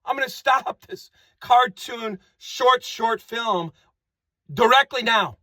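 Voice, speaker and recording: A man's voice: extremely high pitch, slow, sharp tone, dry recording. A man giving a rambling comic monologue, repeating phrases and playing with made-up words. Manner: rambling, repetitive, playful wordplay.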